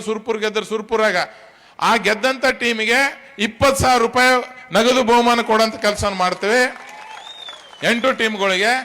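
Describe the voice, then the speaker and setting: Addressing the crowd directly, a middle-aged man from Karnataka, India, who is organising the tournament, gives a public speech in a North Karnataka accent. He is emphatic and colloquial, and his voice sits high with a bright, forceful ring.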